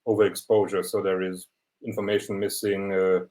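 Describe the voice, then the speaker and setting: A young man, a photographer giving a measured, explanatory presentation of his work over a video call. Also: sits low, little pitch movement, darkish tone, low-quality recording. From Germany. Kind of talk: online portfolio presentation.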